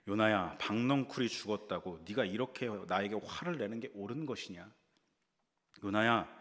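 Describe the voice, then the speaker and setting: A male pastor voicing a patient God who calmly questions a prophet. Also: lowish voice. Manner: calm, searching questions. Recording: reverberant church hall.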